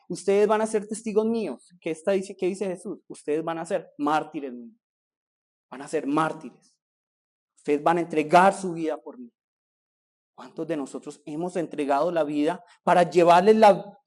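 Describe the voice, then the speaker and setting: A pastor delivers a sermon, his voice sitting a little higher than most men's. He drives his points with rhetorical questions and rising emphasis, now and then slipping into mocking, whiny quotes of his listeners. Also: a little mellow.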